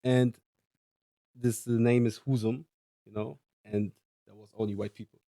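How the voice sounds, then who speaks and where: A man's voice: mid-range voice, flat delivery, measured pace, warm tone, dry recording, studio quality. A man from Germany, a guest, talking in short, hesitant phrases in a casual conversation.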